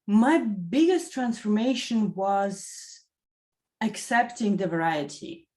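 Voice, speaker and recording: A woman in her thirties from Latvia, giving a reflective testimonial interview and pausing often to find her words. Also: medium pitch, lively intonation, a little mellow. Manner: thoughtful, many fillers and self-corrections. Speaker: interview guest, executive assistant.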